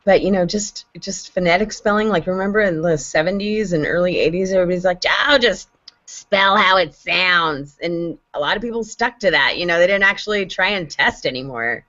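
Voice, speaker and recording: A woman chatting casually on a homeschool panel, explaining things with animated, talkative energy. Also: lowish voice, quick pace, few pauses. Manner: chatty, animated when explaining, spells out letters. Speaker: homeschooling parent, panel host. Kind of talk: casual online panel chat. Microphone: video call. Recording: dull lo-fi video call audio.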